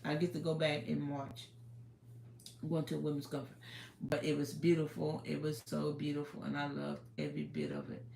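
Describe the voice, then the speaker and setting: A woman's voice: low voice, little pitch movement, brisk, creaky, darkish tone, roomy sound, a little hiss or hum. A woman in her fifties chatting casually on a livestream, rambling and giving life advice, talking into her phone. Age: 50s. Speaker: livestream host.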